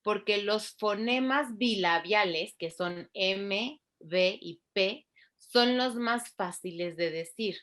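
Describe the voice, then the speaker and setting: Woman, speech therapist, bright tone, patient teacherly explainer. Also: medium pitch. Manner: clear, didactic, spells out sounds slowly. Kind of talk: explaining in an interview.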